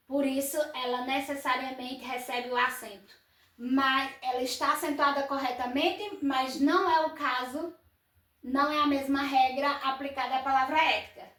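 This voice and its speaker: High-voiced woman teacher, echoey room. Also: a bit bright, far from the mic. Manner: patient, asks and answers her own questions. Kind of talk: explaining grammar exercises. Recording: echoey room, voice set back from the mic.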